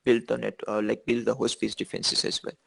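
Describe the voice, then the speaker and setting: A man's voice: lowish voice, little pitch movement, fairly quick, creaky, a bit bright, husky, dry recording, rough recording. A man teaching an online class over a video call, answering questions with many fillers and restarts. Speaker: instructor.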